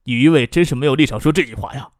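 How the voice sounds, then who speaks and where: Male audiobook reader, brisk pace, bantering delivery, dry booth sound. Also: medium pitch, dry recording. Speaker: narrator. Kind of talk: audiobook narration with character voices.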